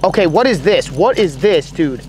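A young man chatting excitedly while ice fishing outdoors on a frozen lake, picked up by a camera mic on the ice. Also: a little high, moderate pace, faint music behind. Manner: excited, chatty, explains his tackle. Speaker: fishing vlogger. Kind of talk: casual outdoor commentary.

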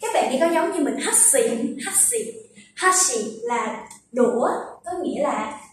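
A young woman teaching Japanese vocabulary, patiently explaining and slowly repeating words to show their pitch accent. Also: expressive, slight background noise. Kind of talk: vocabulary lesson. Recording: very echoey room, distant from the mic.

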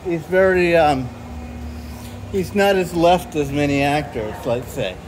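A man with a high, light voice talks casually as he walks, with lots of halting restarts and side thoughts. Faint street sound drifts in behind him from the camera he carries. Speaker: vlogger filming a walk. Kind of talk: casual chat while walking. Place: outdoors by a convention center and parking lot. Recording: outdoor street noise.

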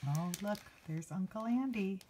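Indoors, a woman holds a picture book up to a handheld camera and reads it to children the way a teacher would, drawing out key words and tossing in casual asides. Her medium-pitched voice is mellow and unhurried with lively intonation, over slight background noise.

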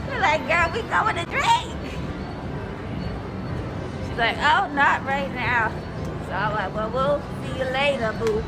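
A woman's voice: high-pitched, animated, slow, long pauses, over a noisy crowd. A young woman vlogging through a face mask outdoors on a phone camera, chatty and playful. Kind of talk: casual vlog chat. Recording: loud music behind her.

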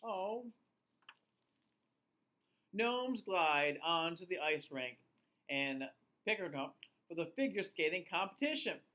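Animated kids show host, a slow-paced man. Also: fairly high pitch. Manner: kids show host, sing-song and exaggerated for young children. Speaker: children's storytime reader. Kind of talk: animated picture-book read-aloud. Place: small indoor room, seated facing the camera.

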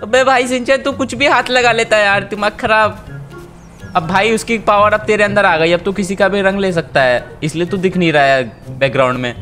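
A man's voice: high voice, brisk, a bit bright, faint music behind. A man voicing a teasing, bossy young man in comic gameplay, talking in an exasperated big-brother way.

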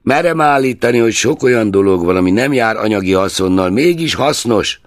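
A man's voice: lowish voice, expressive, no room sound, clean studio sound, voice pushed up, close to an everyday voice. A man voicing a cheerful, persuasive young nephew who pleads earnestly.

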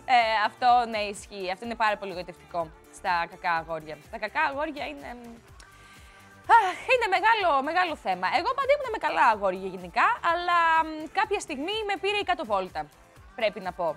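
A woman's voice: high-pitched, sing-song, a bit bright, soft background music. A young woman TV host in a studio, chatting playfully and teasing as she reads out viewer comments, in a slightly odd voice. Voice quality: odd put-on voice today. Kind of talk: casual chatty TV presenting.

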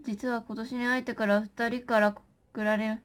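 A young woman chatting casually with viewers as a livestream host, playful and animated, often exclaiming as she reacts. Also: fairly high pitch, a little slow, slight background noise. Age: young adult. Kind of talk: casual chat with viewers during a makeup stream. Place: small indoor room.

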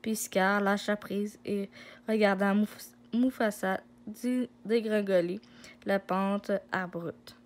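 Slow-reading woman storyteller. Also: medium pitch, steady tone, a little hiss or hum. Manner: slow, with frequent slips and restarts.

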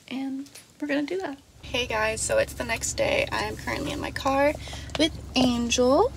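A woman's voice: on the high side, creaky, noisy background. A young woman, chatting casually and upbeat into her phone camera at home and in her car, with frequent fillers. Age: early 20s. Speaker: vlogger. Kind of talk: casual vlog chat. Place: home bedroom, apartment and parked car. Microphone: phone camera held at arm's length.

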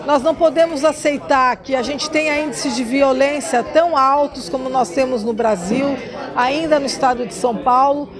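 A woman's voice: high-pitched, steady tone, moderate pace. A woman in her forties, a public official, giving an emphatic, speech-like on-camera interview into a handheld mic in an auditorium. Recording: music and crowd chatter behind.

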